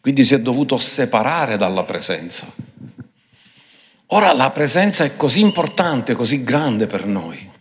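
A man preaching a sermon emphatically, switching between quick phrases and slow, drawn-out ones. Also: mid-range voice, sing-song, a bit bright. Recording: long hall reverb.

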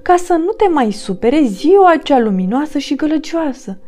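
A woman voicing a small, sleepy and gentle bunny in a children's storybook, speaking softly and slowly. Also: high-pitched, big pitch swings, voice pushed up.

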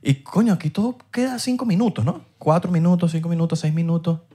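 Venezuelan guy, fast and animated, jokey host, young, street recording. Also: fairly high pitch, breathy edge. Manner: joking, rapid, animated slang-filled talk. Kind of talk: casual chat, joking. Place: outdoors in a city street.

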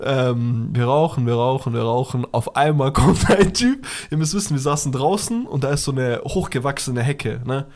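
A man's voice: mid-range voice, animated, normal speed, hardly any pauses, a little mellow. A man, co-hosting a podcast and telling a funny story in playful, slangy chat. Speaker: podcast co-host.

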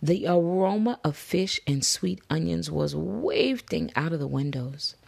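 A woman reading a children's fable aloud, expressive, dropping into soft whispers for suspense. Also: low-pitched, measured pace, vocal fry, slightly rough. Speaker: storybook reader. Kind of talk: children's story read-aloud.

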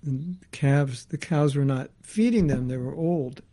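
Gravelly man explaining scripture to a class. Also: fairly high pitch, measured pace, mellow. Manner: reads a passage then comments in casual asides. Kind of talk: reading and explaining scripture to a group.

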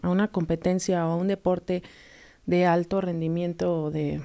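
Animated Mexican woman coaching skaters. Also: on the low side, moderate pace. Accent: Mexican Spanish. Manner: animated storyteller who acts out quoted voices. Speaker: roller skating coach and club founder. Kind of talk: casual interview talk.

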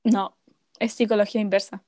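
A woman's voice: mid-range voice, little pitch movement, fairly quick, a little mellow, no room sound. A young woman with a Chilean accent chatting casually, joking and using plenty of slang. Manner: joking, slangy, laughs often. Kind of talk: casual chat.

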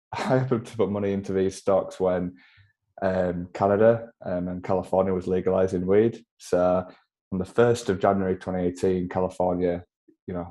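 Podcast guest: Yorkshire man in his twenties, deep mellow voice, chatty and self-deprecating. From Yorkshire, England. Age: 20s. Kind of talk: casual interview chat.

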